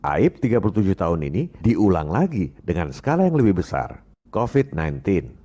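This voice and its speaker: A man's voice: sits low, very animated, moderate pace, warm tone. A man narrating scripted voice-over commentary in an assertive way, asking rhetorical questions.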